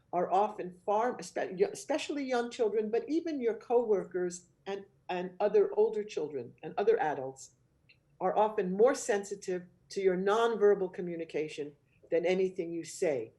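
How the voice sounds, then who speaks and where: A woman giving advice on supporting children in child care, explaining in a calm, earnest way and modeling gentle phrases to say. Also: mid-range voice. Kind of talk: instructional webcast talk.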